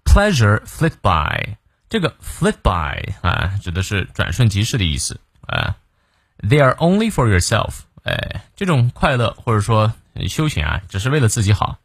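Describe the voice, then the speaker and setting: Lively low-voiced man teaching English. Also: gravelly, breathy edge, no room sound, studio quality. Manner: lively, drills pronunciation, slow careful English reading. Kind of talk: daily English lesson.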